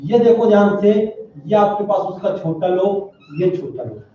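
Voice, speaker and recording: A man teaching a chemistry lecture in a classroom, animated, calling out questions to his students. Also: high voice, a little slow, slight background noise. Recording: very echoey room, distant dull mic.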